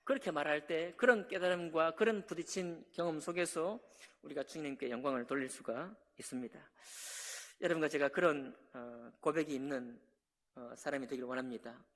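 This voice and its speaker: A man's voice: on the high side, fairly quick, fairly bright tone. A man pastor preaching an impassioned sermon, acting out the pleas of biblical figures. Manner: impassioned, acts out complaints of prophets. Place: church sanctuary. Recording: long church hall reverb.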